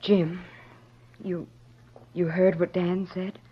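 An actress playing a kind, gentle mother who speaks graciously, in 1940s radio acting on a dull old broadcast recording. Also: fairly low pitch, level tone, slow, slightly rough. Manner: warm, gracious.

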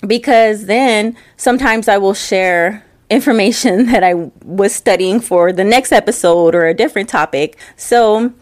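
With a mid-range voice and a measured pace, a young woman runs her solo podcast in loose, rambling conversation, barely pausing. Allergies have her congested. The dry, close-miked recording lets her breathing be heard.

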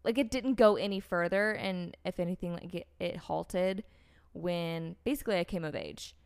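A young woman from the US, speaking at a moderate pace with a clean, lowish voice, tells a personal story in casual talk. The account rambles, packed with "like" and "um," and her sentences often restart.

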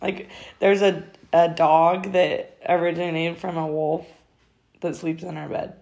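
A young woman co-hosting a podcast, chatting casually at a slightly low pitch. She teases her partner and laughs easily as she talks. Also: level tone, a little slow, darkish tone. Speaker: podcast co-host. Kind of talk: casual chat.

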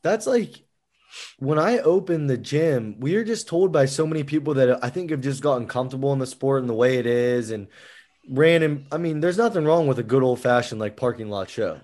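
An American man hosting a podcast in casual chat, animated and rambling with lots of fillers. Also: medium pitch, fairly quick. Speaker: podcast host.

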